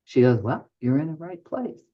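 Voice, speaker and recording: An older woman, a medium guest on a podcast interview, relates anecdotes and plays both parts of each dialogue. She speaks at normal speed in a low, sing-song voice. The audio is dull lo-fi.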